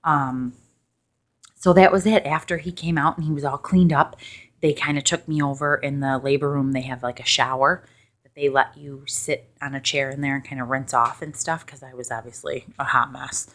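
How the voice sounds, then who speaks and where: Low-voiced young woman, soft chatty storytelling. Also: fairly even intonation, normal speed. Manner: chatty, lots of "like" and "um", hushed in places. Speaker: vlogger. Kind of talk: soft-spoken storytelling, sort of ASMR.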